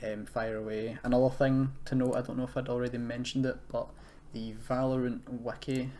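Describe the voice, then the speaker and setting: A young university student speaks at medium pitch in a mellow, flat and brisk manner during a casual, unscripted coding tutorial. He explains haltingly, correcting himself, while keyboard typing and background noise are clearly heard.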